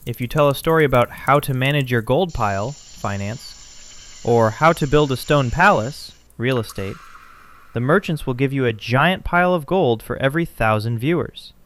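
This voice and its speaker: Guy reading as a wise shaman teaching, mid pitch, confident and emphatic, storybook style. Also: normal speed, a bit bright, lightly acted. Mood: instructive. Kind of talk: scripted storybook narration.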